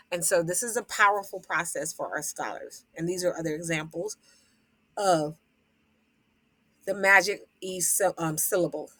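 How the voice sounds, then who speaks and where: Explaining vowel syllable types to other educators, this woman sounds out sample words and repeats them, using fillers along the way. Her voice is fairly low with a fairly bright tone, recorded dry.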